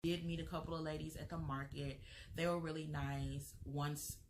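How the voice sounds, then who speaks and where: A woman's voice: low voice, level tone, moderate pace. A young American woman with an American accent, chatting casually as a travel vlogger, rambling with lots of fillers and restarts. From United States. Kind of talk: casual chat.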